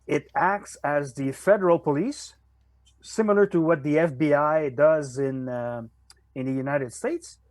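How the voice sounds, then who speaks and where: An older man from Montreal, a retired police officer, speaking as a guest on a podcast with many pauses and fillers. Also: fairly high pitch, darkish tone, dry recording. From Montreal, Canada. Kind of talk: podcast interview.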